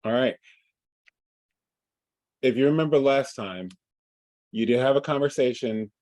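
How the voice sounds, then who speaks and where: A man running a livestreamed tabletop game as game master, halting and full of fillers and restarts. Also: mid-range voice, a little mellow, no room sound.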